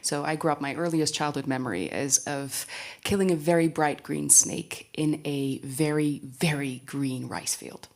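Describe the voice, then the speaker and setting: A woman's voice: deep voice, steady tone, unhurried, vocal fry. A woman who grew up in Tanzania, speaking earnestly and conversationally on a panel. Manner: earnest, conversational, frequent "right?". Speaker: panelist, company founder. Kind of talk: panel discussion.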